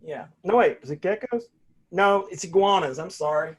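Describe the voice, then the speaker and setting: An older man with a drawl talks to his class in a folksy, meandering way, circling back and restarting his phrases. His voice sits a touch high for a man. It comes through a plain video-call microphone. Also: normal speed, breathy edge. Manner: folksy, rambling with frequent restarts. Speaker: college philosophy instructor.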